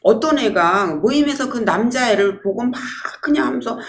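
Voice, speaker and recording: A woman giving a public lecture, telling lively stories and acting out quotes. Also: a little high, moderate pace, slight background noise. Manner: lively storytelling with acted-out quotes.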